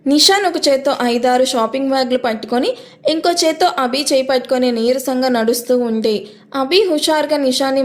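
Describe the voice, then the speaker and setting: A woman telling a romantic serial story, smooth and steady. Her voice is high and light. The delivery stays even throughout.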